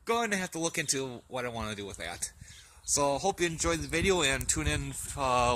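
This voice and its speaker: A hobbyist vlogger does an unscripted, casual show-and-tell outdoors in a winter yard, thinking aloud in a halting way. His voice is medium in pitch with a sharp tone. The outdoor camera audio carries faint background noise.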